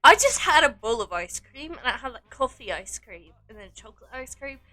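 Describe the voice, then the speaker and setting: A girlish woman livestreamer chatting casually with her viewers in a playful, bubbly, excitable way, like a gamer girl on a headset. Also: high voice, fairly quick. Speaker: livestreamer greeting and answering chat. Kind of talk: casual gaming livestream chat.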